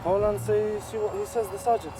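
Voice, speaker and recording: A man's voice: sits high, fairly even intonation, fairly quick, background noise. A man with a North African accent, a native Arabic speaker, arguing insistently and repetitively in a heated, unscripted street exchange. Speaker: driver stopped by police. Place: outdoors at a roadside.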